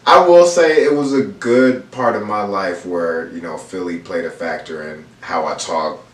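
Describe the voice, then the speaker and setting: A low-pitched man in his thirties, raised in Houston, Texas, speaks at a measured pace as a guest painter in a casual interview chat. His manner is easygoing and slangy, peppered with fillers. Recorded from afar on a leather couch indoors, the audio has roomy echo, a slightly off-mic voice, and faint room noise.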